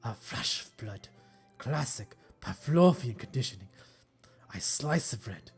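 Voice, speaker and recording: Woman as a timid literary girl, deep mock-German voice, husky and slow. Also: animated, faint music behind, full character voice. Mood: brooding. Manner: timid, halting, hushed. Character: shy bookish young woman with a put-on German voice.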